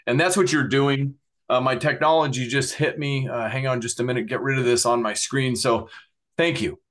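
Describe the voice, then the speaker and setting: A man's voice: medium pitch, steady tone, moderate pace, a bit bright. A middle-aged man hosting a podcast, earnestly thanking his guest and listeners and plugging websites, with many fillers. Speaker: podcast host.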